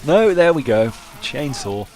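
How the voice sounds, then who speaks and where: Unhurried and darkish in tone, this man's medium-pitched voice swings widely in pitch as he gives laid-back, self-deprecating gameplay commentary with a wry wit. A faint background noise is present.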